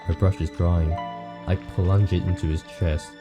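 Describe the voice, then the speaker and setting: A man reading the lines of a weary, morbid undead painter from a visual novel, slowly and somberly. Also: deep voice, level tone, over music. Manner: slow, somber reading of game text.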